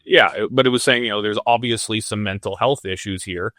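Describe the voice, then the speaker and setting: A man's voice: on the low side, a little fast, bright, forceful tone, no echo, clean studio sound. A man conducting a news interview, hesitant, with many fillers and restarts.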